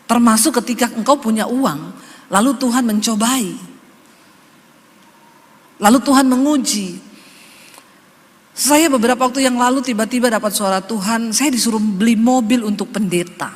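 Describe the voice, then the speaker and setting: High-voiced woman preaching in reverberant hall. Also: moderate pace, pauses often. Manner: emphatic, conversational, addresses congregation. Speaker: pastor. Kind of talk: sermon.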